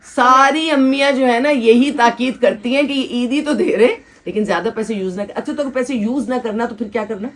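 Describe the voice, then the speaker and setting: A woman's voice: fairly high pitch, brisk, hardly any pauses. A woman hosting a children's shelter gathering, coaxing and teasing the kids and leading applause. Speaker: host of a children's shelter event. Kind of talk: casual talk with children before a gathering.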